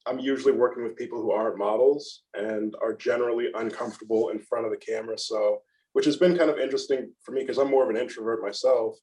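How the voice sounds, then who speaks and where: A young man with a flat, monotone delivery, speaking at a middle pitch. He is modest and soft-spoken, chatting casually in an interview and playing down his own skill. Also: fast, low-quality recording. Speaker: guest photographer.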